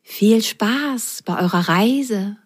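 A woman voicing a calm male house cat who speaks softly and unhurriedly in a children's story. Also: medium pitch, breathy edge, no echo, studio quality, pitched above the performer's own voice, exaggerated voice. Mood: curious. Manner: soft, unhurried, purring.

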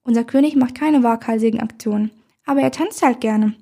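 A woman voicing a small, curious elf child in a storybook reading, speaking cheerfully in a husky voice. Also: on the high side, a little fast, mellow. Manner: cheerful, wide-eyed.

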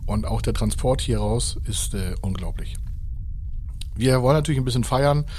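A man's voice: medium pitch, moderate pace, darkish tone, slight background noise. A man hosting a podcast, talking to his listeners in an effusive, colloquial monologue. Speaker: podcast host, funding consultant.

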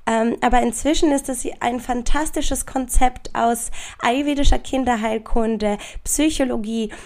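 A woman hosting a podcast, chatting effusively and directly to the listener, her voice raspy, sniffly and stuffed up from a heavy cold. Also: fairly high pitch, unhurried, a little mellow. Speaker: podcast host. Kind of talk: casual solo podcast talk addressed to the listener.

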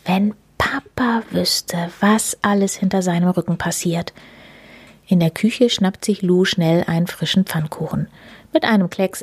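A woman narrating a children's story in a whispered role-play style, soft and hushed. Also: on the low side, breathy edge, no echo.

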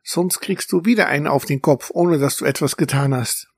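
A man voicing a small, brave and boastful male mouse in a storybook, with a high, squeaky and eager voice. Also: normal speed, vocal fry, breathy edge, no echo, clean studio sound. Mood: warning.

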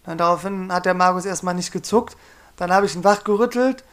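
A young man co-hosting a podcast, telling a story in a lively, joking way and acting out quotes. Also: sits high, brisk, clear, resonant tone. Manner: animated storyteller, acts out quotes, laughs often. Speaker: podcast co-host. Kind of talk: casual storytelling chat.

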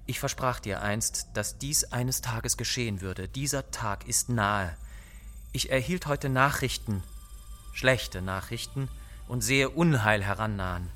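A man's voice: mid-range voice, unhurried, bright, forceful tone, faint music behind. Man reading as a grim, scheming secret-society man. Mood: earnest, urgent.

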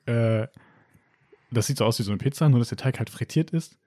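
A young man talks in a relaxed, mellow voice with a mid-range pitch. He tells things casually and colloquially, with plenty of loose hedging, in a dry recording. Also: a little fast, no room sound. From Germany. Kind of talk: casual chat.

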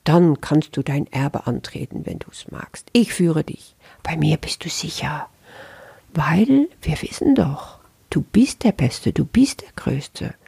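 A speaker voicing the fretful, flattering ego. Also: medium pitch, unhurried, few pauses, husky, dry recording. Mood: coaxing. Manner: whiny self-doubt turning to coaxing flattery.

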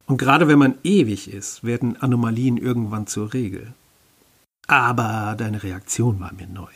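A man voicing an ancient, winged, three-headed beast that speaks in a dry, mocking, unhurried way, with a husky voice. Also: medium pitch, a bit bright. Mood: musing.

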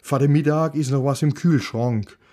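A man voicing a hurried, bossy middle-aged woman with a who rushes in out of breath. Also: mid-range voice, warm tone, natural voice. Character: bustling middle-aged woman, the librarian's wife.

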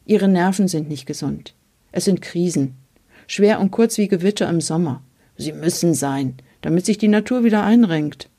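A kindly older doctor speaks in a calm, reassuring way, as a woman reads his lines. The voice is gravelly and a little husky, with a dark, mellow tone. It is an audiobook-style storybook reading. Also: lowish voice, moderate pace.

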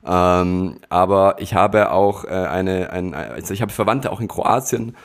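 A man's voice: low-pitched, measured pace. A man co-hosting a podcast, candid and a little hesitant, with fillers and restarts. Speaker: podcast co-host. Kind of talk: conversational podcast talk.

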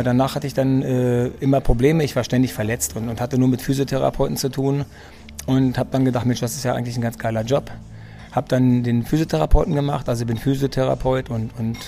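A sports physician, a man with a dark, gravelly voice at medium pitch, chats casually as an interview guest at a restaurant in Munich. He tells his story conversationally, often looping back and repeating words while he hunts for the right phrasing.

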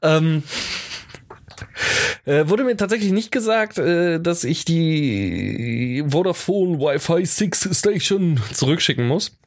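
Joking podcast guy, voice on the high side, jumps all over in pitch, casual banter. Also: animated, slow. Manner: jokey, slips into put-on voices and dialects. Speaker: podcast co-host. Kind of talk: casual chat.

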